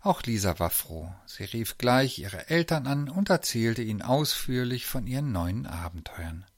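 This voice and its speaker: A man narrating a children's story in a lively, expressive way. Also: medium pitch, measured pace, dry recording, clean studio sound.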